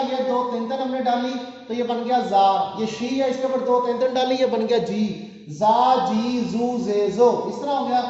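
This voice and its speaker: A patient male teacher talks through a lesson at a board, reading out syllables one at a time and repeating key points. His voice is dark and mellow. It echoes heavily through a long-reverb room on a dull, lo-fi recording. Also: very high-pitched. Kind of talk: classroom-style language lesson at a board. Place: room with a whiteboard.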